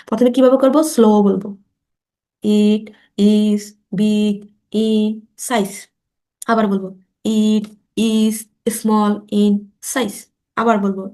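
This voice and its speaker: A woman teaching a spoken English lesson, stretching out model sentences slowly and often asking quick check questions. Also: fairly high pitch, a little mellow. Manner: slow, drawn-out model sentences for repetition; asks rhetorical check questions.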